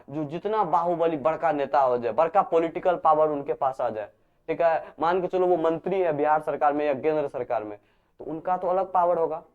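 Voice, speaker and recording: A man's voice: a little high, a little mellow. A male physics teacher, giving a classroom lecture, repeating key terms as questions to his students. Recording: dull lo-fi recording.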